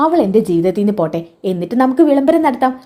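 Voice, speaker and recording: A woman's voice: on the high side, sing-song, racing, warm tone. A woman voicing an obsessive, insistent young husband who pines for another woman. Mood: pleading.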